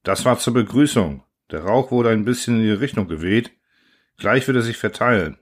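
A man's voice: lowish voice, lively intonation, normal speed, husky. A man voicing a shaken male expedition officer reporting over the radio, breathless and agitated.

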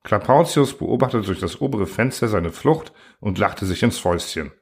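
Animated male storyteller. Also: on the low side, normal speed, husky. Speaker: narrator. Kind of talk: scripted narration.

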